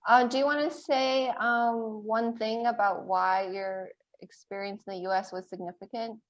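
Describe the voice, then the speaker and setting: A woman in her forties hosting a casual podcast conversation, chatty and quick to laugh. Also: a little high, fairly even intonation, muffled recording. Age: 40s. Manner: chatty, laughs easily, uses lots of fillers. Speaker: podcast host. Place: home in Maine, US.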